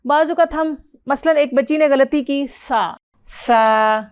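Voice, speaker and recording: This is a Quran reading teacher, a middle-aged woman from Pakistan, explaining and drilling letter sounds with a student. She speaks high in a level, darkish tone, patiently modeling each sound clearly and praising the student.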